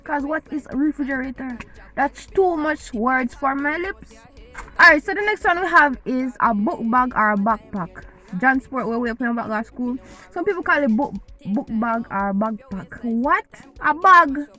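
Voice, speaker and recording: Jamaican woman vlogger, high and bright, teasing casual delivery. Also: lively intonation, a little slow, soft background music, low-quality recording. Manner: playful, teasing, eating while talking. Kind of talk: casual chat to camera.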